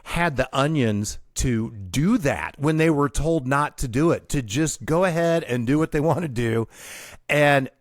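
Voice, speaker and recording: An animated man hosts a radio show and tells a long personal story, laughing along with it. His voice sits in a middle pitch range. The sound is dry and close, with no room echo. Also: unhurried. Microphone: radio studio mic.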